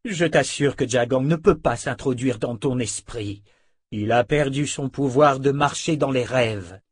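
A man voicing an older woman, a calm and measured captive abbess, in an audiobook, in a soft and low manner. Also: breathy edge, no room sound, clean studio sound. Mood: stern. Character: older captive abbess, gentle yet firm.

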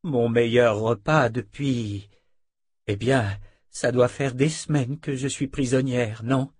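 Man voicing a gentle older abbess, measured, soft, husky voice. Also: medium pitch, steady tone, no room sound, clean studio sound. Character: older captive abbess, gentle yet firm.

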